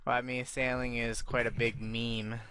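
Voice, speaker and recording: A male podcast host in casual chat, relaxed and swearing freely as he reads out listener questions. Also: mid-range voice, moderate pace, background noise.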